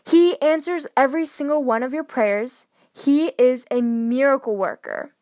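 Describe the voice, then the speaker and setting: Slow, high-voiced earnest woman. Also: no room sound, clean studio sound. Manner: earnest, wondering retelling with soft laughs. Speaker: podcast host. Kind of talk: casual faith podcast with Bible reading.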